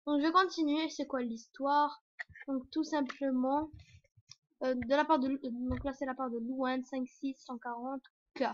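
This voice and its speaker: A woman's voice: high voice, steady tone, unhurried, a little hiss or hum. A young woman vlogging in a rambling, hesitant way, full of fillers and restarts. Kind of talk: casual rambling vlog. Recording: dull lo-fi recording.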